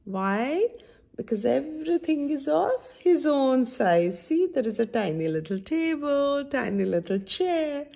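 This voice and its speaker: This middle-aged woman's voice is a little high and a little mellow, with vocal fry and a breathy edge. As a children's story time host, she reads a picture book expressively to young kids at home by a window, often addressing questions to them directly.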